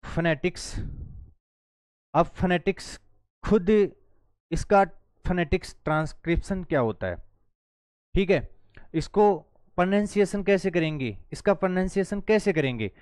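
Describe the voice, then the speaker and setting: A man gives an online English lesson in Hindi, with a smooth, clear voice recorded close and dry. He explains step by step and repeats words slowly as he writes them out. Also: fairly high pitch, a little mellow, no echo. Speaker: English teacher.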